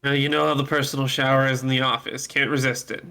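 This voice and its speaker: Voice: medium pitch, little pitch movement, fast talker, gravelly, pushed and bright. A player doing a smug corporate boss.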